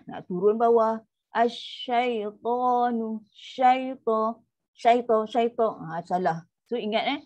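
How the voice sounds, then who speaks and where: A woman with a Malaysian Malay accent teaching an online tajwid class, stretching out the demonstration syllables between quick explanations. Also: mid-range voice, a little mellow. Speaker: Quran recitation teacher. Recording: muffled lo-fi audio.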